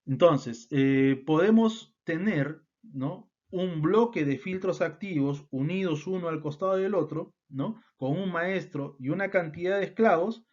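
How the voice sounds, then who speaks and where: A man's voice: fairly high pitch, unhurried, few pauses, a little mellow. A man giving a technical lecture, explaining step by step and often tagging his sentences with questions and fillers. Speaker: instructor. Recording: dull lo-fi sound.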